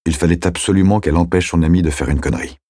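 Man, audiobook narrator, dark mellow tone, dry close sound, steady reading. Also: deep voice, very fast, husky, no room sound. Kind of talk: scripted narration.

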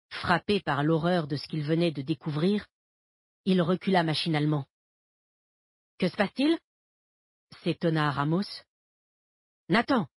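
Woman reading a thriller, husky and dry. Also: on the low side, a little mellow, no echo. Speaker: narrator. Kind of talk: scripted audiobook narration.

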